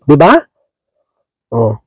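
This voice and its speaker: A man's voice: medium pitch, huge pitch swings, very slow, a little mellow, breathy edge, no room sound, poor audio. A man preaching a conversational sermon, chuckling often and checking in with his listeners, slipping English words into his talk. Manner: chatty, keeps asking "di ba?", chuckles often.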